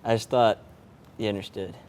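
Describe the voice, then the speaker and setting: Indoors in a print shop, a sound engineer sets up gear for a casual vlog, talking offhandedly and often muttering to himself. His lowish voice is a little mellow, with a steady tone and moderate pace, and the recording has clear background noise and room ambience.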